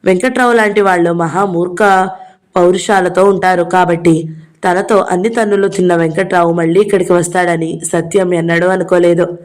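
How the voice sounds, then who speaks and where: Woman reading a novel out loud, steady storyteller voice, does all the characters. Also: lowish voice, moderate pace. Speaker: audiobook narrator.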